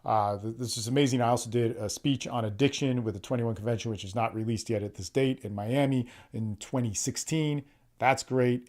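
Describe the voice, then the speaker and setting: Hosting his own solo podcast, this coach speaks bluntly and swears freely, often restarting words and performing quotes aloud. He has a medium-pitched, darkish voice.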